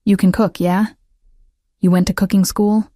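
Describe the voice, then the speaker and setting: A woman's voice: mid-range voice, flat delivery, warm tone, no echo, lightly acted. Brief: brusque male floor manager, urgent clipped orders, read by a woman narrator, dry storybook delivery. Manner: pushy, rapid, clipped orders.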